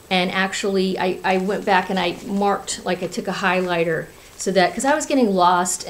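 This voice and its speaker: A woman from Florida talks through a crafting project in a relaxed, candid vlog. Her voice sits at an ordinary middle pitch, and she rambles freely with plenty of fillers and restarts. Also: a little hiss or hum, low-quality recording. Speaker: craft podcast host; teacher. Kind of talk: casual video chat.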